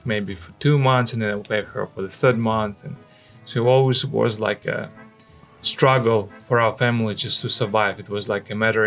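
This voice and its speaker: Male interviewee, forties, Russian accent, slightly low gravelly voice, personal recollections, music underneath. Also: fairly bright tone, low-quality recording. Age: 40s. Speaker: interview guest, missionary. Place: indoor studio. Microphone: microphone on a stand, close.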